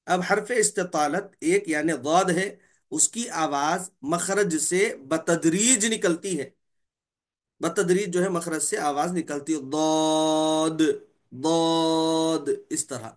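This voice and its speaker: A man teaching a tajweed lesson on Quran recitation. He demonstrates each letter sound slowly, repeats it, and often clears his throat. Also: on the high side.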